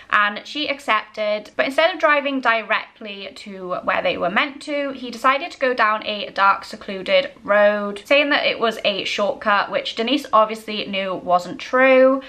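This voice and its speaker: Speaking to camera in a small home room, a twenty-something woman narrates a true-crime story for her vlog. Her voice sits on the high side and sounds sharp, with lively intonation, a measured pace, and hardly any pauses. She keeps it conversational and matter-of-fact.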